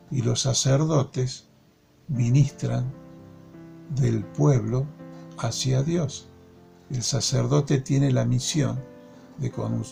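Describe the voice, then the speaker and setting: A man leading a Bible study from a workbook, slow and deliberate, repeating key phrases and verses. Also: medium pitch, gravelly, mellow. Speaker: discipleship teacher.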